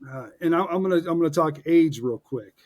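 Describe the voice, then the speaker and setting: A podcast co-host in his forties chats in an upbeat, joking way, teasing his co-host and often restarting or filling pauses. He speaks briskly, with a slightly high voice and a darkish tone.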